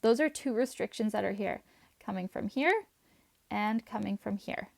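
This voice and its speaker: A woman teaching a math class, chatty and talking her students through each step as she writes, her voice a little hoarse. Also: medium pitch, lively intonation, normal speed, a little mellow, no echo. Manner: chatty, talks while writing, asides to students. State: voice going, slightly hoarse.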